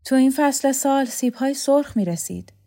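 A woman reading the part of a frail old man in an audiobook, with a raised, lively voice. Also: high-pitched, no echo, studio quality, pitched above the performer's own voice. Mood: wistful.

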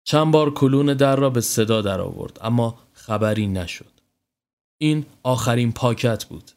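Man, storyteller, horror narration, steady reading, mid-pitched voice. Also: vocal fry.

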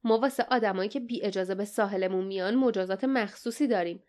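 A woman's voice: medium pitch, lightly acted. A woman voicing a burly, spiteful female pirate, taunting her prisoners.

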